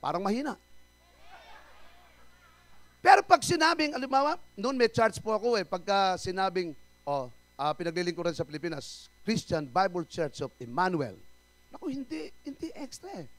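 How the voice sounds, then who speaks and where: A male pastor preaching a church sermon, firing rhetorical questions at the congregation and swinging between loud calls and quiet asides. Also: high-pitched, expressive, normal speed, no room sound. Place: church service.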